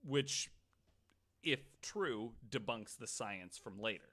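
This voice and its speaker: A podcast host with a medium-pitched, expressive, pushed and bright voice tells a story slowly and casually. He swears freely and peppers his talk with "like" and "right."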